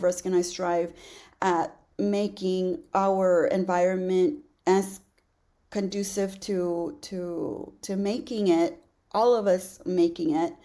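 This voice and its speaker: A woman's voice: mid-range voice, dark tone. A woman in her late forties hosting her own podcast, talking earnestly and encouragingly to her listeners, often restarting with "you know" and repeated words. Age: 40s. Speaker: podcast host. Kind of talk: casual solo podcast talk.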